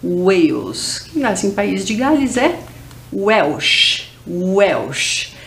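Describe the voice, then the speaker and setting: A woman teaching English to schoolchildren on educational TV, with a Brazilian Portuguese accent, saying model phrases slowly for the class to repeat. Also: mid-range voice, sing-song, fairly bright tone. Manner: slow, drawn-out model phrases for repetition.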